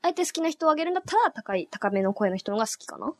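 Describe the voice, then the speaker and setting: A young woman co-hosting a casual radio chat, animated and laughing often. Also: on the high side, rapid-fire, no room sound. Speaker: radio show co-host.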